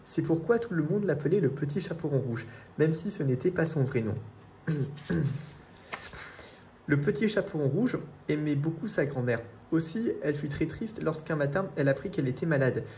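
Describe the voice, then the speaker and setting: A man reading children's storybooks aloud in a steady storytelling way. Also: fairly high pitch, normal speed, slight background noise. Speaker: reader.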